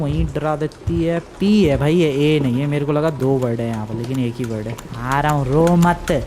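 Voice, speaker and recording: A man's voice: on the high side, noisy background. A man commentating a horror game for viewers, jumpy and easily frustrated, yelping at scares. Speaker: gaming YouTuber.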